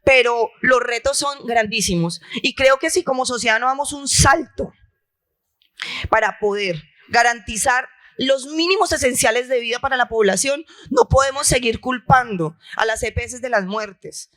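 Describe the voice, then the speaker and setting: A health insurer leader from La Guajira, Colombia, speaks at normal speed in a slightly high, somewhat bright voice. Sitting on a panel in a conference hall, she argues passionately and emphatically, using repetition for rhetorical force.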